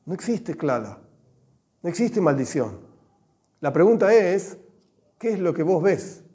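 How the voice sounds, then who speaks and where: A man with an Argentine Spanish accent gives a religious class, animated and joking, with Hebrew terms mixed in. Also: high voice, a little slow. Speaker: religious teacher. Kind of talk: lively class with everyday examples.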